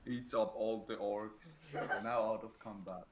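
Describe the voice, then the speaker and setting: A man's voice: on the low side, steady tone, unhurried, darkish tone. A man chatting casually as a player in a tabletop game, with some background noise.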